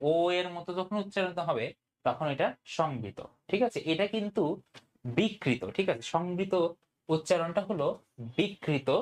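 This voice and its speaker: Tutor, online grammar lecture, frequent "okay?" checks, English words mixed in. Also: medium pitch. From Bangladesh. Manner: keeps asking "okay?", mixes in English words. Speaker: admission test tutor.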